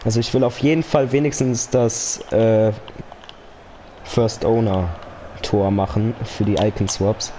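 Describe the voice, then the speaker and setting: A man's voice: fairly low pitch, fairly even intonation, a little slow. Young man commentating casually over game noise. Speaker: gaming YouTuber.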